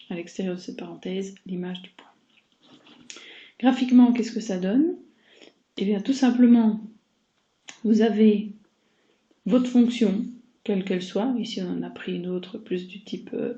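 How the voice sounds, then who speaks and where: A mathematics teacher records a lesson, walking through it step by step and speaking straight to her students. Her mid-range voice has a warm tone, though the recording sounds dull and muffled with a roomy echo.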